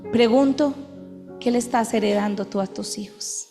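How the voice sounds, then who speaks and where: A high-voiced woman preaching to a congregation, firing off rhetorical questions and acting out the voices of the people in her stories. Her voice rings through a reverberant church hall. Soft instrumental music plays underneath her. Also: normal speed. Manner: emphatic preaching with acted-out quotes and rhetorical questions. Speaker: pastor. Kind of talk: sermon.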